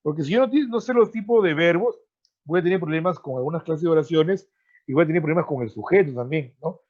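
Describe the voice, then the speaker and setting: A man with a Peruvian Spanish accent and a rather high, slightly mellow voice teaches an online pre-university grammar class at a quick pace. Over a video call in dull lo-fi audio, he uses frequent tag questions and repetitions, fondly calling his students freshmen.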